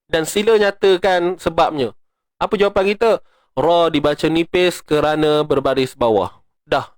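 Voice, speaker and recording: A middle-aged Malaysian man with a Malay accent teaches Quran recitation in a casual, joking online lesson, drilling sounds slowly. His voice is fairly high, and there's no room sound.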